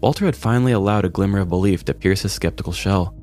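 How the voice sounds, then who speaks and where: A podcast host tells a scripted comic story with wry, dramatic flair. His voice is low and a bit mellow, he moves at a quick clip, and faint music plays in the background.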